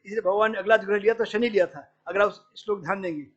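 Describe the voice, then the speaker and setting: A man's voice: high-pitched, fast. A middle-aged male professor giving an academic lecture, explaining patiently and quoting Sanskrit verses. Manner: explains patiently, quotes Sanskrit verses, mixes in English words. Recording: dull lo-fi lecture recording.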